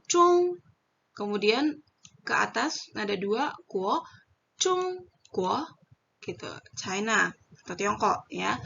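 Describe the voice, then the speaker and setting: A woman's voice: medium pitch, vocal fry, fairly bright tone, lo-fi sound, slight background noise. A woman tutor explaining pinyin step by step in a casual online lesson, often checking in with tag questions. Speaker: Mandarin tutor.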